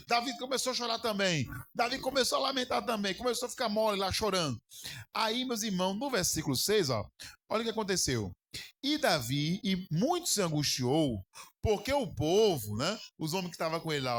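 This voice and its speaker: A man's voice: sits high, a bit bright. A man preaching a sermon on a Bible lesson as pastor, often stopping to ask the congregation questions and calling them brother.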